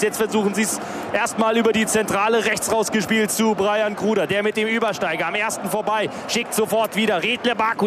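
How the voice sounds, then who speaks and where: Male football commentator, slightly high register, live play-by-play with asides, very noisy stadium background. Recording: loud stadium ambience behind the voice.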